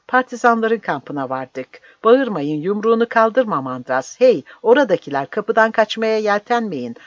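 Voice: mid-range voice, a bit bright, dry recording. A narrator voicing a fervent old village priest who preaches in a raised, impassioned voice, dry and slightly dull audio. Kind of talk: audiobook character voice.

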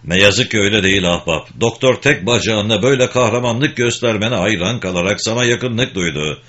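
A man's voice: lowish voice, fairly quick, a bit bright, natural voice. A man voicing a small, wry English soldier who speaks bluntly and matter-of-factly, on a dull lo-fi recording.

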